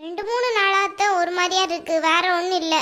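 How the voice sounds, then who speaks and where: A weary young daughter-in-law in a cartoon, voiced by a woman, meek and soft-spoken. The voice is very high and bright. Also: brisk. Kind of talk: cartoon voice acting.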